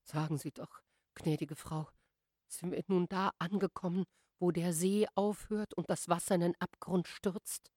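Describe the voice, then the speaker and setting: A woman's voice: on the low side, fairly even intonation, a little slow, darkish tone, no echo, studio quality, voice pushed up. A woman voicing a frightened young maid who pleads and laments. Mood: anxious.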